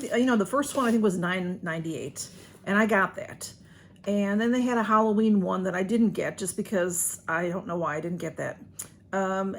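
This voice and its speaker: American lady vlogger chatting away, kinda slurred talk, folksy and rambly, bit of room noise. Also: mid-range voice. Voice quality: slightly slurred speech from a sore tongue or mouth. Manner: folksy, rambling, says y'all often. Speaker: vlogger doing a beauty box unboxing. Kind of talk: casual chat to viewers. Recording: faint background room noise.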